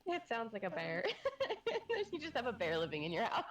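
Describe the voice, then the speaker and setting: A woman's voice: on the high side, huge pitch swings, normal speed. A woman chatting casually with a friend during a gaming stream, teasing and laughing easily. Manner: giggly, teasing. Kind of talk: casual chat while gaming.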